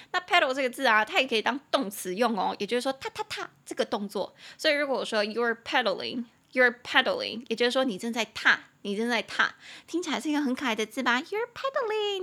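A woman hosts a casual English lesson podcast, her voice bright and a little high. She spells words out letter by letter and repeats them, with chatty asides in between. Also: vocal fry. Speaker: English teacher podcast host.

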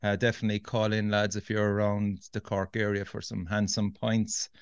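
A man's voice: lowish voice, completely flat delivery, normal speed, smooth, dry recording, muffled recording. An Irish-accented man hosting a podcast in a casual, matey, enthusiastic way. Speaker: podcast host.

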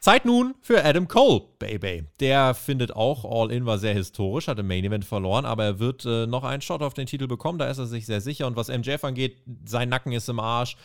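A man's voice: mid-range voice, expressive, fast talker, hardly any pauses. Joking man recapping wrestling. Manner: joking, acts out quotes in put-on voices. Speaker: host. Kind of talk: casual wrestling review recap.

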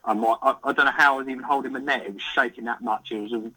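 A young man, a podcast guest recounting a catch in excited, vivid casual chat with the odd swear word. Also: mid-range voice, racing, poor audio. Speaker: podcast guest, carp angler.

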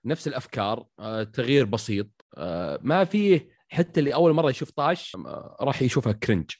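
A man's voice: medium pitch, big pitch swings, fast talker, darkish tone, no room sound, clean studio sound. A man with a Saudi accent in casual podcast chat, blunt, slangy and opinionated. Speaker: podcast panelist.

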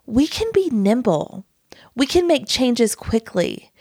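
A woman's voice: fairly high pitch, sing-song, slow, darkish tone, no room sound, studio quality. A woman hosting a solo podcast, speaking earnestly and emphatically and calling her listeners friends. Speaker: podcast host and small business owner. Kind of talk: scripted solo podcast talk.

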